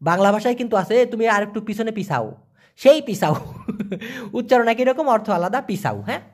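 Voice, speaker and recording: A man giving an online language lesson, answering viewer questions and slowly repeating foreign words for pronunciation. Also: high voice, lively intonation. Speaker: language teacher.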